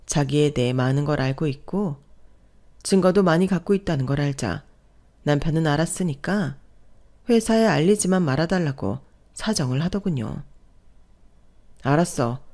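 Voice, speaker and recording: A woman telling her own story in a calm, polite first-person radio story narration. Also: low voice.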